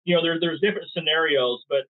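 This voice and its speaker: Middle-aged man, folksy and drily sarcastic, fairly high voice, tinny phone-line sound. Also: fast. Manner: folksy, dry sarcastic humor. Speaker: guest bowhunter. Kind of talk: podcast interview.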